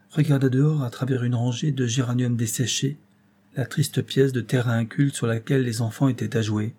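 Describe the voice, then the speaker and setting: A man narrating a classic novel as an audiobook, steady and literary. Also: medium pitch, husky. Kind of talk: scripted narration.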